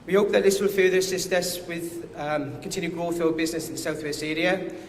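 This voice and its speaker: Presenting in an echoey conference hall with faint background noise, a Welsh-accented company director comes across as slightly nervous and self-deprecating. The accent is strong. He talks fast in a voice on the high side, with fairly even intonation.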